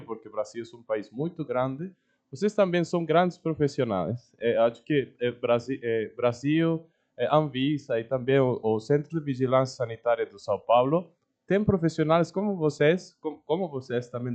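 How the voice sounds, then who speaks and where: A man gives an informal public address, halting often and repeating words. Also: mid-range voice, darkish tone. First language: Spanish. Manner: halting, with repeated words and long hesitation sounds. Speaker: guest speaker at an official training event. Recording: dull, muffled event audio.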